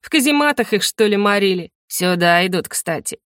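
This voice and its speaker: A woman's voice: fairly high pitch, big pitch swings, normal speed, no room sound, clean studio sound. A woman voicing a cheeky, nosy ghost girl who drawls and mocks with theatrical flair. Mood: grumbling, mocking. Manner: mocking, drawling, theatrically plaintive.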